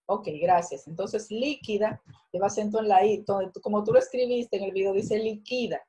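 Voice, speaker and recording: A woman's voice: mid-range voice, steady tone, normal speed, mellow, rough recording. A woman teacher giving an online class on a video call, explaining and correcting student work with encouragement. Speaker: university teacher.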